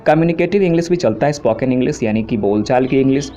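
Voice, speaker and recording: Hindi-speaking English teacher listing grammar terms. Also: male voice, medium pitch, expressive, fast talker, mellow. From India. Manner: lists terms steadily, explains in simple asides. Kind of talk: classroom lecture. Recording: dull lo-fi recording with faint hiss.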